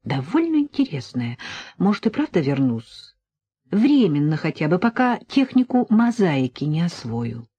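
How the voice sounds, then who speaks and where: A woman's voice: lowish voice, sing-song, measured pace, mellow, husky, no echo, full character voice. A woman reading an audiobook voicing an offhand, dismissive young woman artist. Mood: musing. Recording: dull lo-fi recording.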